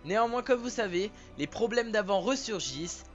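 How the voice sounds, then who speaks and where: Guy talking to his viewers about a show, kinda high voice, muffled sound w soft music. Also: expressive, moderate pace. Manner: chatty, addresses viewers directly. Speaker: series review vlogger. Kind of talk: casual show review.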